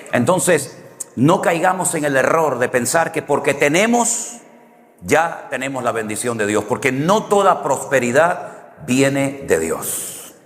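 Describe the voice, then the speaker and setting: Preaching with plenty of stories in a chatty style, this Canary Islands man frequently wraps up his points with an inquiring "no?". His voice is medium-pitched and a bit bright, and the recording carries a long hall reverb.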